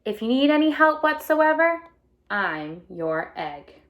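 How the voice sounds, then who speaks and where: A woman's voice: high voice, voice pushed up, exaggerated voice. Woman playing an earnest, eager storybook good egg. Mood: eager, proud. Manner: expressive, emphatic storybook delivery with drawn-out key words. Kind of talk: children's storybook read-aloud.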